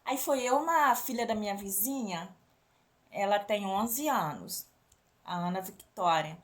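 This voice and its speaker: A woman's voice: medium pitch, a little slow. A woman with a Brazilian accent telling a religious testimony to a congregation, often turning to the listeners as brothers and sisters. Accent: Brazilian Portuguese. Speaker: church member giving a testimony.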